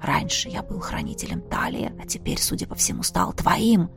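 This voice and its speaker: A woman reading an audiobook, voicing a disembodied male guardian spirit whose hushed, breathy voice is heard inside the narrator's head. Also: lowish voice, huge pitch swings, moderate pace, faint music behind, pitched below the performer's own voice, exaggerated voice. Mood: calm. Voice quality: hushed, breathy, half-whispered.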